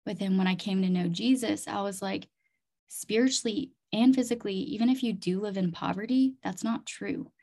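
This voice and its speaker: Speaking at a normal pace, she has a gravelly, darkish, medium-pitched voice. She's an interview guest from Chiang Mai, Thailand and North Dakota who works as a community development leader and leadership coach, and she tells personal stories with earnest emphasis and frequent "like" and "literally."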